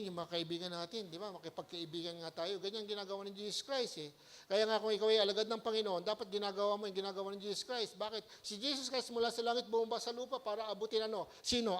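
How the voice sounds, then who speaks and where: Man, very high voice, pastor, sermon, loud then hushed, rhetorical checks. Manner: animated, keeps asking the congregation "Hello?"; swings between loud exhortation and quiet, low asides. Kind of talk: preaching a sermon. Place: church.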